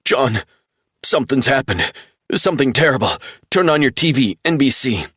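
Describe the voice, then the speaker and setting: In a narrated story, a man voices a distraught young hacker overcome with grief, sobbing and pleading in a strained, high-strung voice raised far above normal. His intonation is lively, his speed normal, his tone fairly bright and slightly rough. The sound is dry and close.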